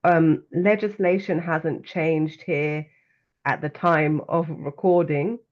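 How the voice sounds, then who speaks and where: A woman's voice: sits low, steady tone, slow pace, dull audio. A woman with a London accent, a guest author and coach, speaking earnestly and reflectively in a conversational interview. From London, England.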